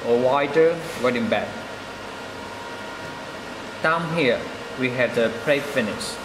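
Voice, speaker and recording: A man explaining the settings of a welding machine in a measured, step-by-step voice-over, stressing key words. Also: mid-range voice, echoey room, in a large hall, noisy background. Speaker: product demonstrator. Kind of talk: product demonstration voice-over.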